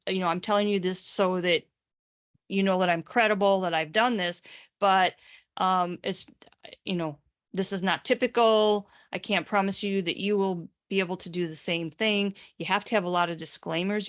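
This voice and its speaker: A woman's voice: fairly low pitch, fairly bright tone. A woman leading a group coaching call, explaining rules in a casual, chatty way with many fillers and acted-out customer reactions.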